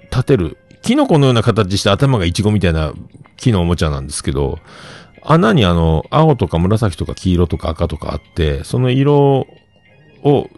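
Guy in his 50s, deep voice but swings all over, dry close sound, rambly story chat. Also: no echo. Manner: animated, rambling anecdotes with many fillers. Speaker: livestream host. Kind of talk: casual solo storytelling.

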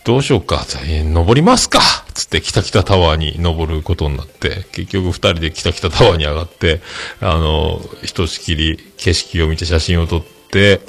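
A man with a who hosts a podcast, telling a story casually and acting out the dialogue with lively energy. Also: a bass voice, normal speed, gravelly. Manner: animated, acts out quoted dialogue. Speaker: podcast host.

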